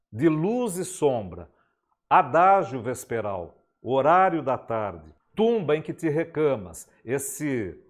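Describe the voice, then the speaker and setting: A man's voice: fairly high pitch, a little mellow. Emphatic Brazilian man teaching poetry. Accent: Brazilian Portuguese. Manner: emphatic, declamatory, rhetorical questions; reads poem lines slowly and dramatically. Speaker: literature teacher. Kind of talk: exam-prep literature lecture.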